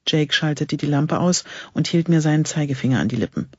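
A man reads an audiobook with steady, suspenseful narration. His voice is husky and somewhat high. The recording is dry and a little dull and lo-fi. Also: brisk, dry recording. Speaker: audiobook reader. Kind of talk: scripted narration.

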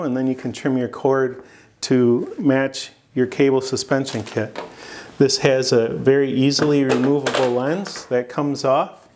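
A man in his forties presenting a product in a plain indoor studio, explaining steadily with the odd filler pause. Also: medium pitch, a little mellow. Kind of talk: product demonstration.

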